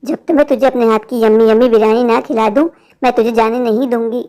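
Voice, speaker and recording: A woman voicing a witch who poses as a stranded young woman, coaxing and insistent, in an animated horror story. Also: a little high, quick pace, lightly acted. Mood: menacing. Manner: coaxing and insistent, turns menacing.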